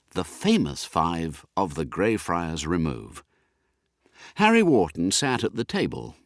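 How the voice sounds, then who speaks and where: A man narrating an audiobook in a lively, characterful reading. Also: low-pitched, no echo, clean studio sound. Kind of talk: scripted narration.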